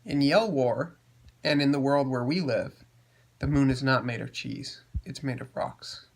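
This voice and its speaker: A man telling a made-up bedtime story to a child, gently explaining as he goes. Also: medium pitch, a little slow, poor audio.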